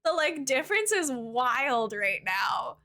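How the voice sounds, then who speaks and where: A woman's voice: high voice, sing-song, takes it slowly, bright, forceful tone. A young woman from Canada chatting casually with her viewers while live-streaming a game, bubbly and giggly.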